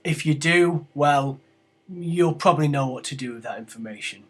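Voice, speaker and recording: A man's voice: fairly high pitch, moderate pace, fairly bright tone, slightly rough. A man doing an officious city gate guard. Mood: mocking. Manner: bureaucratic, polite but suspicious.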